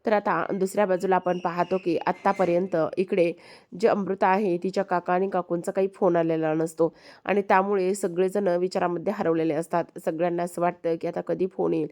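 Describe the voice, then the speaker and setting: A woman's voice: on the low side, level tone, fairly quick, a little mellow. A woman retelling a TV serial episode in a plain storytelling recap. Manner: plain retelling, frequent "म्हणत असतो".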